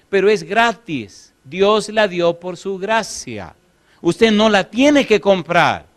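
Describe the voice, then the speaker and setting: A man preaching a sermon as pastor, firing questions at his congregation and reading scripture slowly and deliberately. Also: high-pitched, a bit bright.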